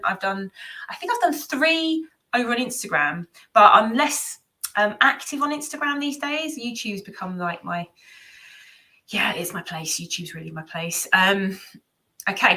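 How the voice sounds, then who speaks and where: A woman with a pushed, bright, medium-pitched voice hosts a book readalong livestream. She chats casually and hesitantly, thinking aloud as she reads out comments and cards.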